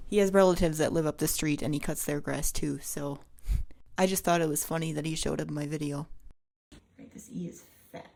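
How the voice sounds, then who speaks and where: A hobby mural painter with a low, creaky, darkish voice mutters to herself and her cat while she paints at home by a window. She speaks fairly quickly and evenly, keeping up a casual running commentary and mocking her own work.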